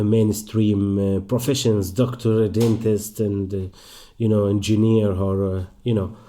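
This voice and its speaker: A young Palestinian actor and performer answers interview questions in English with an Arabic accent, his voice low and mellow. He's thoughtful and halting, pausing and restarting often as he works out his answers.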